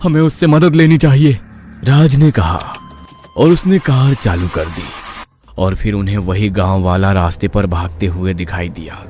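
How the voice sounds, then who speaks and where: A man narrating an animated horror story in a hushed, suspenseful way. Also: low-pitched, unhurried, noisy background.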